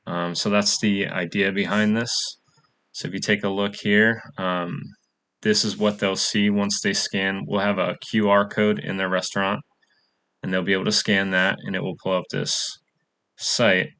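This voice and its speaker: A young adult man, a coding bootcamp student, casually presents his web app in a screen-recorded demo, a plain walkthrough full of "um" fillers. His voice is low, sharp and level at a moderate pace.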